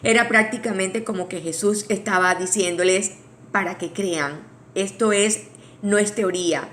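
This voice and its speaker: A woman teaching a Bible study in a conversational way. She restarts phrases, adds asides to her listeners, and slows down to read scripture aloud. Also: mid-range voice, fairly bright tone, a little hiss or hum. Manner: reads scripture aloud slowly.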